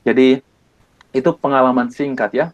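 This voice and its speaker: A man from Indonesia, an evangelist, telling his personal testimony in an earnest way, with many pauses and repeated phrases. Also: medium pitch, flat delivery, a little hiss or hum. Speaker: evangelist guest.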